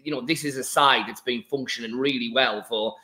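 A man with a croaky, slightly hoarse voice hosting a casual sports chat in a chatty, joking way. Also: medium pitch, steady tone, a little fast, bright, forceful tone. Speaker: podcast host.

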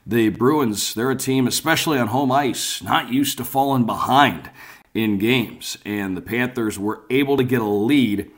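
A man's voice: medium pitch, unhurried. A man hosting sports radio, giving a conversational recap.

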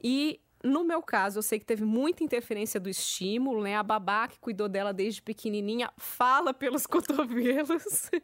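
A woman's voice: a little high, expressive, normal speed, few pauses, no room sound. Woman host, 30s, chatty storyteller, dry close sound. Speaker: podcast host. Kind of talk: casual conversation.

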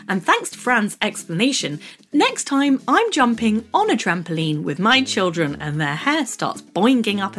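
Female kids' podcast host, bright and curious, hugely expressive intonation, enthusiastic scripted delivery. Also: mid-range voice. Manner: bright, enthusiastic, curious, talking to young children. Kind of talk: scripted, animated children's podcast presenting.

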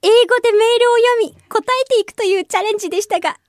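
A woman's voice: extremely high pitch, rapid-fire, no room sound, clean studio sound. A Japanese woman hosts a radio show, switching between English with a Japanese accent and Japanese. She stops often to search for words, with many fillers. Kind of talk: casual talk in English and Japanese.

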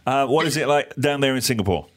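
A man's voice: mid-range voice, expressive, fast talker. A man hosting a talk radio show in a chatty, informal, joking way. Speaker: radio host. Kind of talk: casual talk radio presenting. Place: radio studio.

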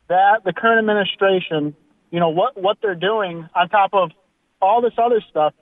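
A man's voice: sits high, no echo. A male caller to a talk radio show, worried and rambling, often restarting his sentences. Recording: tinny phone line.

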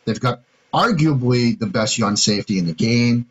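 Husky-voiced man breaking down football plays. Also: mid-range voice, expressive, moderate pace, highs cut off. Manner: analytical, talks through schemes step by step. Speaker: podcast co-host, football analyst. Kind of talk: casual podcast chat.

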